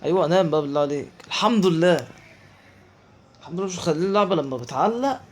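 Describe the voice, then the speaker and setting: A man's voice: fairly high pitch, expressive, very fast. A man with an Egyptian Arabic accent giving chatty let's play commentary, talking to himself and his viewers as he plays. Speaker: gaming YouTuber.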